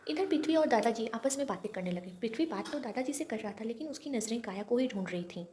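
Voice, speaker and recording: A woman narrating a romantic storybook with expressive, dramatic delivery. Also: on the high side, fast talker, a little hiss or hum.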